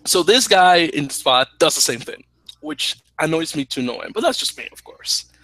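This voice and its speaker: On the high side and sing-song, this young Dominican podcast co-host speaks at normal speed with a sharp tone, recorded roughly with no room sound. Using a headset mic in a small home room, he chats casually, explaining and opining at length while restarting phrases.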